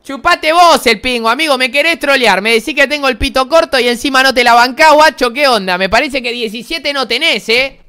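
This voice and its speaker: Teasing and mocking fellow players over casual voice chat, an Argentine-accented man in his twenties streams games in a high-pitched voice. He talks a little fast with few pauses, his tone sharp, clear, and resonant.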